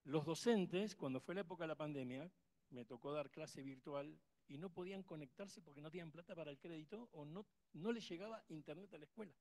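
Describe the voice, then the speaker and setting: An Argentine-accented man voices an impassioned question from a conference audience, speaking emphatically and rambling with many restarts. His voice is on the high side with a darkish tone, and his pace a little fast.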